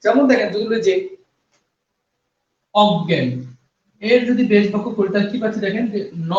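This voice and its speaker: A man's voice: high-pitched, a little mellow, recorded from a distance. A young man teaching a grammar lesson for exam prep, repeating each point and quizzing his listeners with questions. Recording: echoey, dull room sound from off mic.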